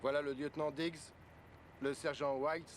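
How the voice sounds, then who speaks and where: A man's voice: on the high side, flat delivery, normal speed, slight background noise, lightly acted. A man dubbing a courteous, composed military police lieutenant in a French war film, speaking formally and with measure.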